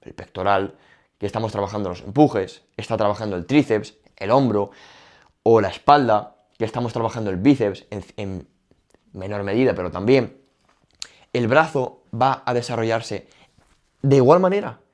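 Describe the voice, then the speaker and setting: A man's voice: on the low side, moderate pace, a little mellow. A young man with a Spain Spanish accent giving casual, emphatic training advice, repeating his points directly. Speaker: fitness youtuber. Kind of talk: casual gym advice talk.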